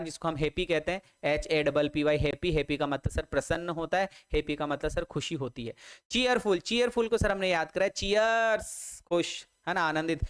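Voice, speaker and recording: High, clear-voiced Hindi-speaking vocabulary teacher man. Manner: repetitive, drills spellings letter by letter; jokey mnemonics, calls students his children and his army. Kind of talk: online exam-prep vocabulary lesson.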